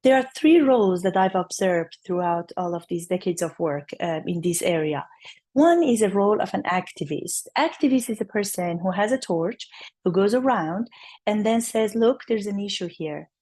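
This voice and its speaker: Female presenter, medium pitch, hoarse raspy voice, explaining clearly to colleagues at a conference. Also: lively intonation, normal speed, dark tone. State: hoarse from laryngitis. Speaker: psychologist, invited speaker.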